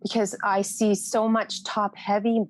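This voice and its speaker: A woman's voice: medium pitch, level tone, measured pace, dry recording. A woman from Canada speaks in earnest about her nursing work, often circling back over her phrases as she hunts for words. The sound is dry and close, with no room around her voice. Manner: earnest, repeats phrases while searching for words. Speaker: nurse guest. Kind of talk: podcast interview, personal reflection.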